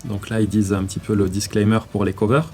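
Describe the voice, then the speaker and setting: Low-voiced French man, casual YouTube tutor, slangy and halting, faint music bed. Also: level tone, warm tone. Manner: slangy, hesitant with many fillers while clicking. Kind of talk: casual screen-recorded tutorial.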